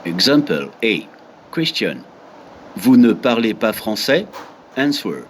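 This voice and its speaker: A man reading a French textbook lesson aloud, deliberate and reading out examples one by one. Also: fairly low pitch, big pitch swings, a little hiss or hum. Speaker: French teacher.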